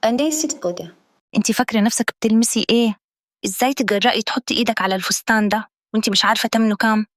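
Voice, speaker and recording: Woman as rude dress shop owner, Egyptian accent, fast contemptuous scolding. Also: on the high side, dry recording, studio quality, natural voice. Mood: scornful. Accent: Egyptian Arabic.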